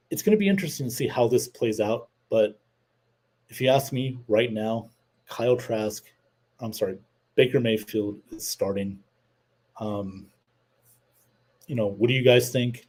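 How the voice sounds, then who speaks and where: A man's voice: fairly low pitch, mellow, breathy edge. A man hosting his own show, giving opinionated, rambling sports talk to a live chat audience. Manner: opinionated, rambling with fillers, reads chat comments aloud. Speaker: host. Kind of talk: casual livestream sports talk.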